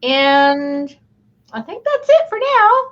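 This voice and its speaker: Woman in her 50s on a video call, kinda high voice, muffled lo-fi sound, easygoing with lots of ums. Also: big pitch swings, fairly bright tone. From Chile. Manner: friendly, thoughtful, with pauses and fillers. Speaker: guest. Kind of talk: casual video call chat. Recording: dull lo-fi call audio.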